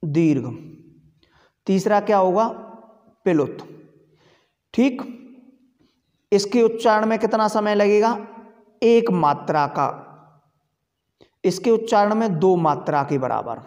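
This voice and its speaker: Slow, patient grammar teacher in an echoey room. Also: mid-range voice, animated, a little mellow. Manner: explains step by step, asks the class questions and answers them; stretches out sounds to demonstrate. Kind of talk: Sanskrit grammar lesson.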